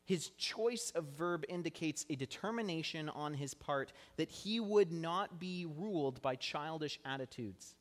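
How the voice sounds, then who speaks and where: Young male preacher, earnest and teaching, slightly high voice, long reverb of a sanctuary. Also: expressive, a little slow, few pauses. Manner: earnest teaching tone with light self-deprecating humor. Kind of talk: sermon. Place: church sanctuary.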